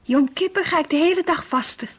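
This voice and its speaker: A devout Dutch teenage girl with a high voice and a Netherlandic accent acts in a radio play, delivering diary monologue and dialogue in an earnest, dreamy, stubborn way. Here she sounds stubborn and speaks a little fast. The old recording has a faint hiss.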